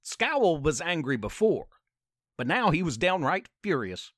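A man narrating a space adventure story with an animated, playful manner and asides to the listener. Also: a little high, measured pace, no echo, studio quality.

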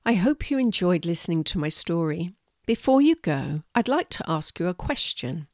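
Older grandma reading a kids story, lowish voice, gentle, dry close sound. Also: female voice, big pitch swings, normal speed, no room sound.

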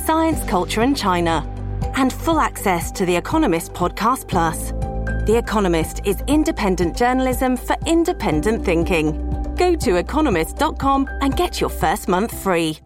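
A woman announcer reading a polished commercial in a smooth selling tone. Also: medium pitch, big pitch swings, normal speed. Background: music bed.

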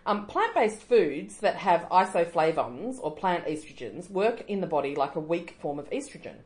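A woman's voice: on the low side, animated, normal speed, darkish tone. A middle-aged woman co-hosting a podcast, chatty and rambling, often trailing off mid-sentence. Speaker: podcast co-host. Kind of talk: casual chat. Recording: roomy echo.

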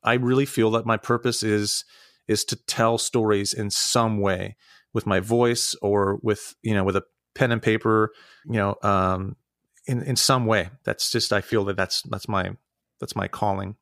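A man's voice: fairly low pitch, steady tone, measured pace, a bit bright, dry recording, clean studio sound. A man who works as a voice actor, chatting in an earnest, self-deprecating way as an interview guest. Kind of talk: casual interview chat.

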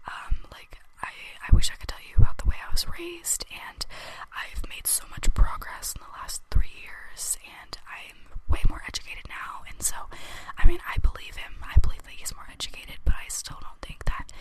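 A woman's voice: moderate pace, poor audio. A young woman hosting a podcast, whispering close to the mic in a casual, self-deprecating gossip style with lots of filler words. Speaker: podcast host. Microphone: close studio mic, tapped at times.

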